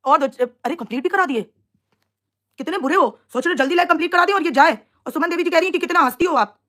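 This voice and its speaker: A woman's voice: extremely high pitch, quick pace, fairly bright tone. A young woman chatting on a live stream, teasing and mocking rivals while talking to her viewers. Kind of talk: casual live stream chat.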